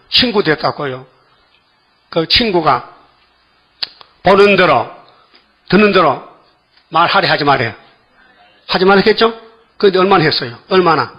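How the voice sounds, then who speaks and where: A man's voice: high-pitched, husky, highs cut off. An older man preaching a sermon to a congregation, firing rhetorical questions at his listeners over and over.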